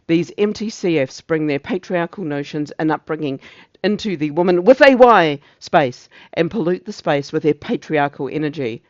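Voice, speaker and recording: A man's voice: fairly high pitch, expressive, moderate pace, dry recording, dull audio, close to an everyday voice. A man playing a pompous, zealous morality officer, declaiming a satirical monologue in preachy, emphatic speeches. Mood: indignant zeal.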